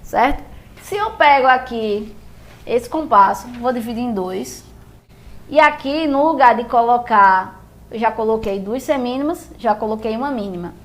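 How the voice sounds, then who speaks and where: A woman's voice: a little high, normal speed. A Brazilian woman teaching music theory, explaining rhythm step by step and checking in often with her viewers. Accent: Brazilian Portuguese. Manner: patient, repeats and checks in with "beleza?".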